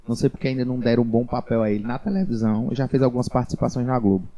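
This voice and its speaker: A man's voice: medium pitch, fairly even intonation, racing, warm tone, low-quality recording. A middle-aged man, a dance teacher, talking casually and thoughtfully with frequent restarts. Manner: reflective, rambling with restarts. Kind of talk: casual interview chat.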